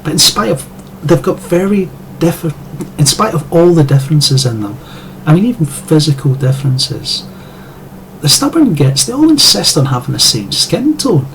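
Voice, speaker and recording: A man's voice: a little high, big pitch swings, moderate pace, a little hiss or hum, rough recording. Sardonic Scottish man ranting. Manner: sardonic, profane. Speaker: commentator. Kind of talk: scripted monologue.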